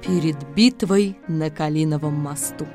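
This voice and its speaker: A woman narrating a fairy tale audiobook in a calm, even storytelling manner. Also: low voice, measured pace, over music.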